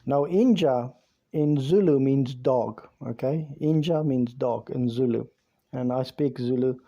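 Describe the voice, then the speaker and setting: A dark-voiced former police officer, whose first language is Afrikaans, slowly tells a true story in a casual, rambling style with many repeated words and "you know"s. His voice sits in the mid range, and the recording has its highs cut off.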